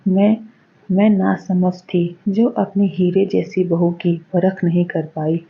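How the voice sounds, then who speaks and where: A woman's voice: lowish voice, level tone, slow pace, creaky, breathy edge, heavily acted. A woman voicing an older mother-in-law in a cartoon story, commanding and emphatic, in a dull lo-fi recording. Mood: remorseful. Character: older mother-in-law, stern then tender.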